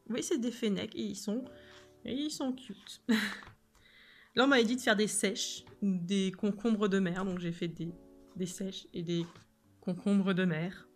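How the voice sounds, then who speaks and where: Woman illustrator, casual sketchbook chat, giggly and hesitant, mid-pitched voice. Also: measured pace, soft background music. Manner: chatty, giggly, many hesitations. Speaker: illustrator showing her sketchbook. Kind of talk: casual sketchbook tour commentary.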